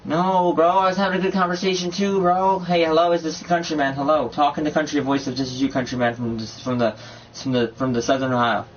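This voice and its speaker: A man's voice: on the high side, little pitch movement, fast. A young man vlogging, brash and bossy, slangy, swearing and calling people bro. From USA. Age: young adult. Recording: dull lo-fi mic with faint noise.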